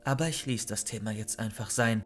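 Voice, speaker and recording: A man's voice: fairly low pitch, fairly quick. Man telling a suspenseful horror story. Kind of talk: scripted narration of a horror story. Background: faint background music.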